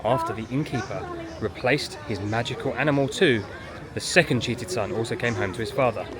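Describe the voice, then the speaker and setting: Out with family at a theme park, a parent casually narrates a vlog at a medium pitch and a fairly quick pace, walking outdoors and sometimes into small buildings. Loud music, a crowd in the background and park ambience accompany the voice.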